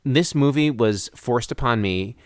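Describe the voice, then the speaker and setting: A man's voice: mid-range voice, unhurried, slight background noise. A young man hosting a casual chat, talking dramatically, laughing often, and saying "like" a lot. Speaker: podcast host.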